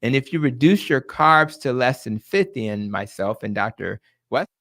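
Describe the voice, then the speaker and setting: A man's voice: mid-range voice, expressive, moderate pace, a bit bright, dry recording. A man lecturing over a video call while his audio breaks up into glitchy dropouts that chop his words apart. He sounds emphatic and drives his points home by repeating phrases. The signal is dry and close, with no room sound. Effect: video-call audio dropping in and out, glitchy. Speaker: doctor guest.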